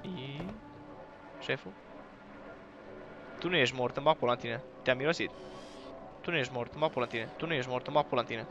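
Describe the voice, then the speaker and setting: A young man from Romania commentating a horror game he is playing, with crude jokes and sudden loud yells at the screen. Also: mid-range voice, long pauses, dull audio, background noise. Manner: crude joking banter, bursts into loud yelling at the game. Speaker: gaming YouTuber.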